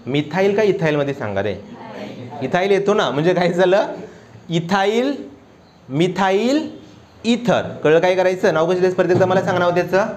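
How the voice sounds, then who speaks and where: His voice sits high and sounds a bit mellow as he delivers a chemistry lecture. The teacher quizzes his class nonstop, pushing students to call out their answers.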